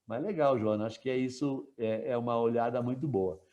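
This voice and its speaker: A man teaching a live online class, relaxed and chatty, asking students questions and joking with them. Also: mid-range voice, brisk, highs cut off.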